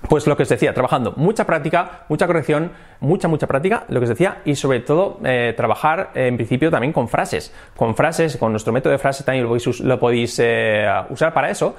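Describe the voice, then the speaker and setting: A man with a Spain Spanish accent gives a casual lesson as an English teacher. His voice sits at an ordinary middle pitch. He talks in an animated way and is used to switching tones to demonstrate phrases. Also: fast talker.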